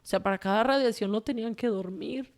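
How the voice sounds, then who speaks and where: A woman's voice: fairly high pitch, fairly quick, darkish tone. A woman with a Mexican accent, a guest telling her personal story in a candid, emotional way, swearing freely and rambling with fillers. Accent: Mexican Spanish.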